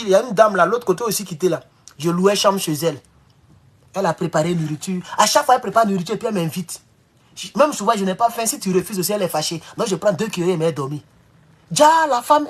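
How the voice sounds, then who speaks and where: Husky-voiced man rambling on a live stream. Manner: rambling, swings between loud high outbursts and low mutters. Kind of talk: casual live-stream monologue.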